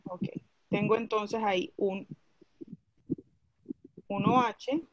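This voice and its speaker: A woman's voice: mid-range voice, slow, no room sound, lo-fi sound. A woman teaching a class, explaining a chemistry lesson step by step and asking her students questions as she goes.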